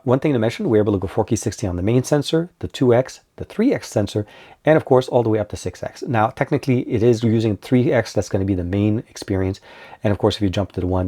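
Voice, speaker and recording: A man's voice: fairly low pitch, warm tone, husky. A man with a cold, giving an upbeat, informal tech product review and talking to viewers as you guys. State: getting over a cold.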